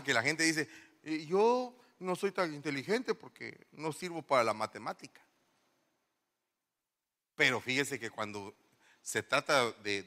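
Bright-voiced man preaching in a reverberant church. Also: medium pitch. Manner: animated, rhetorical questions to the congregation. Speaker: pastor. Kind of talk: sermon. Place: church hall.

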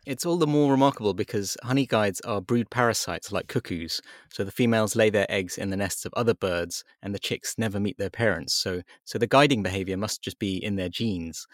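A man's voice: fairly low pitch, dry recording, clean studio sound. A man, a magazine editor, explaining a science story in an enthusiastic, conversational way with some fillers and restarts.

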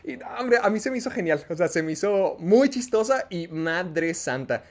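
A man's voice: sits high, expressive, normal speed. A man with a Mexican accent, a podcast host giving a rambling, casual film review with many fillers.

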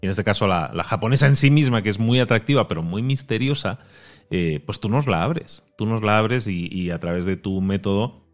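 Lively man hosting a podcast. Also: lowish voice, a little fast. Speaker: podcast host. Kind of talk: casual podcast conversation.

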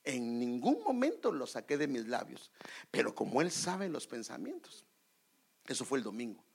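A middle-aged man from Guatemala with a Guatemalan Spanish accent, preaching a sermon through a personal story, animated and sometimes dropping to a whisper. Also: medium pitch, moderate pace, gravelly, slightly rough. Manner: animated storytelling, drops to whispers for inner thoughts.

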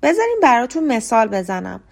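A woman hosting a podcast lesson, explaining English pronunciation in a clear, scripted way and slowing down to model example words. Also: fairly high pitch, very animated, a little mellow. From Iran.

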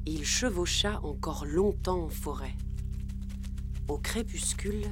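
A woman reading a children's storybook aloud in a gentle, measured storytelling voice. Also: on the low side. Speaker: narrator. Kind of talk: scripted storybook narration.

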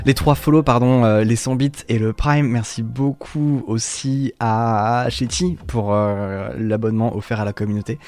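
A man's voice: medium pitch, a little mellow. A man chatting casually as co-host of a live stream, addressing and thanking the viewers.

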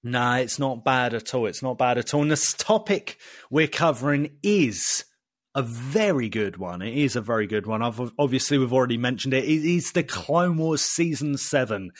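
A man's voice: medium pitch, expressive, moderate pace, dry recording, clean studio sound. A man with an Essex accent hosting a casual podcast with blokey, enthusiastic banter. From Essex, England. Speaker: podcast host.

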